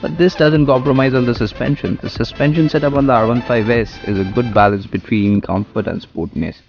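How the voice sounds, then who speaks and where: A man's voice: medium pitch, brisk, highs cut off, soft background music. A man giving enthusiastic, chatty motovlog commentary as he rides, recorded on a helmet mic. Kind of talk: casual motorcycle vlog commentary while riding. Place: outdoors on a motorcycle in city traffic.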